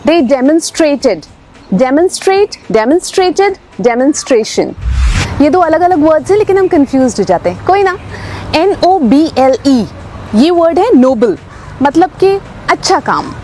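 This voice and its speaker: Slow, high-voiced woman teaching pronunciation. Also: darkish tone, a little hiss or hum. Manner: spells words letter by letter, then says them slowly. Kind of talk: scripted pronunciation lesson.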